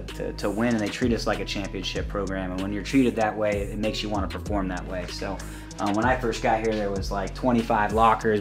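A man, a college wrestling coach, giving a casual tour of his facility and filling his talk with "you know" and "um". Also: fairly low pitch. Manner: rambling, fills every pause with "you know" and "um".

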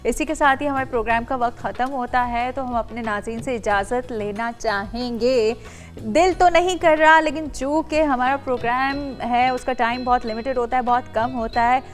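Over soft background music, a woman in her thirties with a fairly high, steady voice speaks at normal speed while hosting a TV cooking show. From the bright studio kitchen set she chats directly to viewers, often humming in affirmation.

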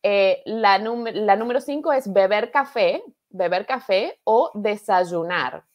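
Live from her home studio, this Argentine woman teaches Spanish online in an Argentine accent, speaking slowly with an expressive, medium-pitched voice and dull audio. Patient and encouraging, she repeats things and keeps asking viewers "¿verdad?".

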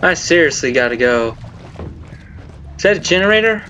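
A man's voice: on the high side, moderate pace, slight background noise. A young man giving casual, jumpy gameplay commentary as host of his own video. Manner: jumpy, excitable, yelps when startled. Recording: game sound under the voice. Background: horror game ambience.

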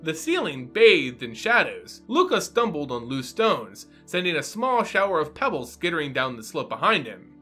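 A male host gives dramatic narration and explanation from a small room at home, with music behind him. His fairly high, very animated voice is sing-song, sharp and husky, moving at a moderate pace with few pauses in a theatrical, teacherly style.

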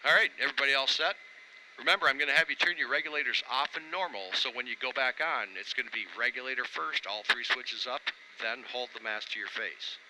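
A man's voice: medium pitch, fast. A man giving step-by-step instructions as an altitude chamber instructor over an intercom. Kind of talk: instructional briefing and coaching. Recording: clear steady background noise.

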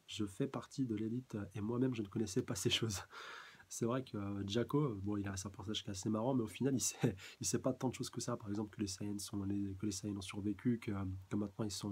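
A man chats through a manga chapter in a relaxed live review, stumbling over words and filling gaps with hesitations. His voice is mellow and dark, with a husky edge. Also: fairly low pitch. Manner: hesitant, many fillers and restarts, chuckles often.

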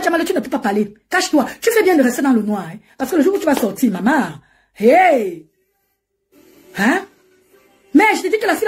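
A woman's voice: sits high, a little mellow. A woman ranting and mocking on a live stream from home, laughing often as she talks into her phone. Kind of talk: animated Facebook live rant.

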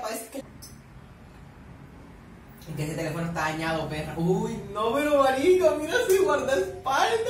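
A man's voice: very high-pitched, a little hiss or hum. A man doing chatty reaction commentary, swearing a lot and eating while he talks. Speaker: reaction vlogger. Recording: very echoey room, far from the mic.

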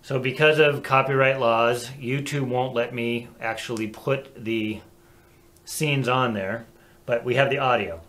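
A man co-hosting a casual talk show, animated and chatty, laughing easily. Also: medium pitch, unhurried. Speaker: co-host. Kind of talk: casual chat.

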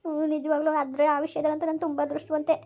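A woman's voice: high-pitched, monotone, fast talker, mellow. A young woman, acting a tearful, pleading pregnant wife in a village skit.

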